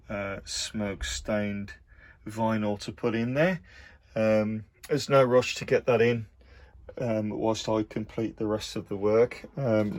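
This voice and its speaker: A man's voice: fairly low pitch, a little mellow. A man with a Birmingham accent talking casually about his model build in a home workshop, with many ums and uhs. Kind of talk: casual video diary.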